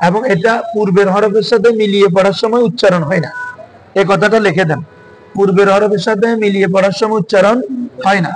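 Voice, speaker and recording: A man's voice: high-pitched, fairly even intonation, quick pace, slight background noise, poor audio. A male teacher, giving a classroom lesson and quizzing his students with repeated questions.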